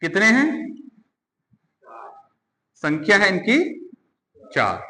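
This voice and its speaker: A man's voice: high-pitched, huge pitch swings, slow, bright, forceful tone, in a large hall. A man teaching Hindi grammar for exam preparation, repeating sounds aloud and asking students questions. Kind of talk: exam-prep classroom lesson.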